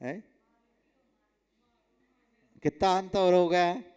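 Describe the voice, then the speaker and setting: A man, a monk teaching a class, explains grammar and scripture slowly and emphatically, quizzing his students with rhetorical questions. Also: high voice, steady tone, darkish tone, smooth. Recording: long hall reverb.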